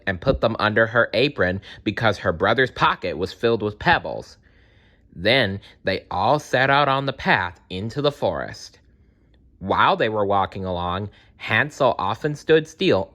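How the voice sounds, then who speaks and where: A male storyteller reads a fairytale to children, addressing his young audience directly with plenty of expression. His voice sits a little low yet sounds bright and forward.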